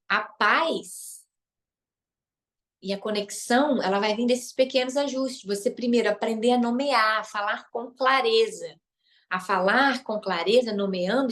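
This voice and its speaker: This fairly high-pitched woman, a therapist and relationship coach, has a Brazilian Portuguese accent. She runs a live masterclass online, speaking emphatically, repeating important phrases, and tacking on tag questions.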